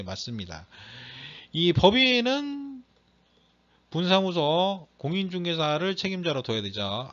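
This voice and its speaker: A man with a somewhat high, slightly bright voice lectures on real estate broker law for an exam, reading questions aloud and explaining the answers. Throat trouble leaves his voice a bit strained as he stresses and repeats key phrases, captured in dull, muffled lo-fi audio.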